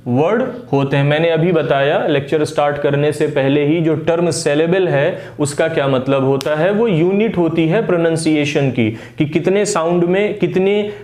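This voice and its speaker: A man explains English phonics rules in a patient teaching tone, pausing often with "uh" fillers. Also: a little high, a little mellow, echoey room. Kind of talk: explaining lesson.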